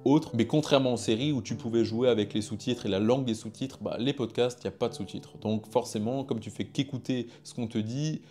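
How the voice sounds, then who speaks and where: A man's voice: mid-range voice, brisk, few pauses, mellow. A man talking casually to camera as a YouTuber, rating ways to learn English and speaking to the viewer in a familiar, informal way with bursts of emphasis.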